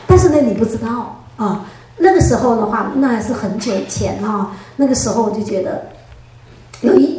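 Laughing woman giving testimony in an echoey hall. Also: sits high. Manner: lively storytelling, often laughing, frequent drawn-out particles. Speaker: church member giving testimony. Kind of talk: spoken church testimony. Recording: very echoey room, distant mic.

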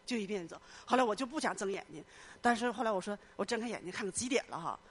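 A woman's voice: medium pitch, lively intonation, fast talker, slightly rough. A middle-aged woman giving an emotional personal testimony in church, telling her story earnestly and with much repetition. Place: church hall.

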